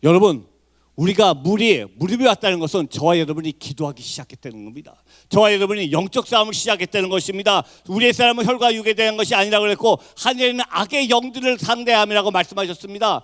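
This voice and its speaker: A middle-aged male missionary preaches a sermon with a high-pitched voice. He moves from hushed, intimate passages to fervent shouts. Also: fast talker. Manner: impassioned, swings from hushed to shouting.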